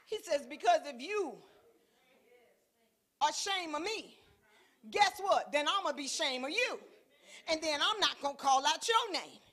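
High, bright-voiced woman preaching. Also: animated, a little slow, long pauses. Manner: call-and-response preaching, swings from soft to shouting; colloquial, rhythmic repetition. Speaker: pastor. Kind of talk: sermon.

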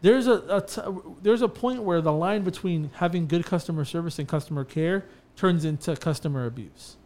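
On a podcast, a bathtub refinisher spins casual, lively stories at a moderate pace. His voice is fairly high, and he leans heavily on fillers and keeps restarting his sentences.

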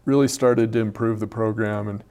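Playful low-voiced man telling stories. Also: fairly even intonation, a little fast, dark tone, clean tone. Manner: playful, teasing, storytelling. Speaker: podcast co-host, former head coach. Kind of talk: casual podcast chat.

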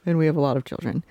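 A woman co-hosting a podcast as a coach, chatting and explaining in a lively, conversational way. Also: deep voice, no room sound, dull audio. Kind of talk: casual chat.

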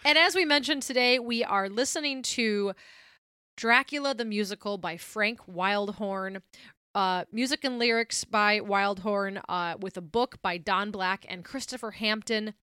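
Female co-host, bright and forward, self-deprecating and chatty, very dry studio sound. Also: medium pitch, a little slow, smooth, no echo. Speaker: radio show and podcast co-host. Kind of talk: casual co-host banter.

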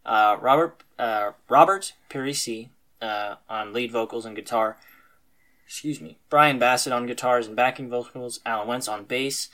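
A man's voice: medium pitch, normal speed, sharp tone. A man hosting a casual podcast about classic rock albums, talking loosely with plenty of fillers and restarts. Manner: rambling with many fillers and restarts. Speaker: podcast host.

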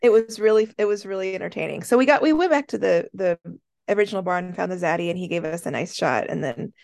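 A woman co-hosting a podcast, telling an animated story in casual chat and laughing often. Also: fairly low pitch, fast, gravelly, dry recording. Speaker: podcast co-host.

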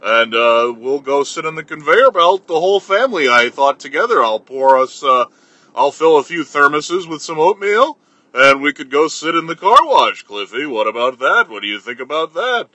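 Goofy uncle with a deep low voice, some guy putting it on, slow and coaxing, dry. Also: animated, pushed and bright, no room sound, highs cut off. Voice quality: deep, lowered voice. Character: silly slow-talking uncle. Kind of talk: improvised comic character bit.

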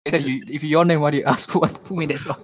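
Fast-talking teasing man, higher voice. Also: fairly even intonation. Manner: teasing, fast, stumbling repeats. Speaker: podcast co-host. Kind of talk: casual chat.

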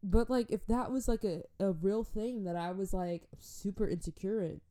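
Young woman, casual storytelling, animated, slangy asides, laughs often. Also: mid-range voice, normal speed. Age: 20s. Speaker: vlogger.

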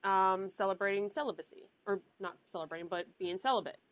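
A woman's voice: medium pitch, brisk, dry recording, poor audio. A young woman hosting a casual podcast chat, giving frank advice and sometimes losing her train of thought. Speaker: podcast host.

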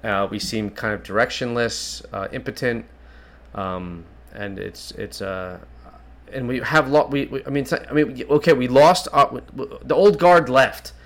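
A man's voice: medium pitch, measured pace. A man hosting a fan podcast, earnest and repeating himself as he gathers his thoughts. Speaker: podcast host. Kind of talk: casual chat.

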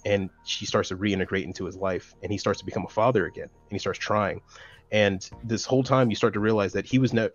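A man's voice: lowish voice, dull audio. A young man co-hosting a casual podcast, retelling a sad anime plot with lots of restarts and feeling. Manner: emotional storytelling with many restarts. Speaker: podcast co-host. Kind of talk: casual chat.

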